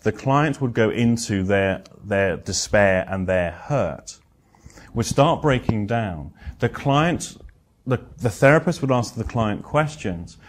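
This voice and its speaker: Blunt, wry man telling therapy anecdotes. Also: slight background noise. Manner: blunt, wry storyteller who swears; animated, swinging pitch and loudness. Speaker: therapist giving a presentation. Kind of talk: lecture with anecdotes.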